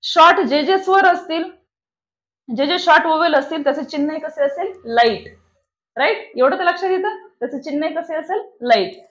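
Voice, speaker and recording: At a moderate pace, a woman with a high, slightly bright voice and lively intonation lectures a classroom on shorthand. She asks her students, some of them online, questions and then answers those questions herself.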